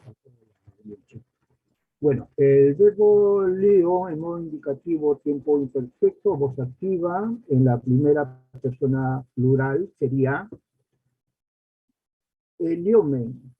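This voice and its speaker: A man's voice: a little high, takes it slowly, long pauses, slightly rough, no room sound. A man taking part in an online class, reading aloud carefully and a bit hesitantly over a video call. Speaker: course participant. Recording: tinny online call audio.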